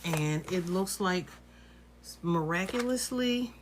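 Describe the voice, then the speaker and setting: In a relaxed live tutorial, a quilting instructor with a slightly low voice walks slowly through her steps. She's chatty and reassuring, thinking aloud as she works, with a faint hiss of background noise beneath the recording.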